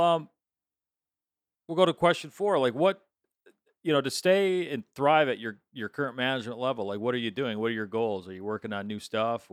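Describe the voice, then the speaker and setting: A man's voice: medium pitch, smooth, no room sound, clean studio sound. A man interviewing a guest in a casual conversation, chatty and easily sidetracked. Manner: chatty, sidetracks into hockey talk.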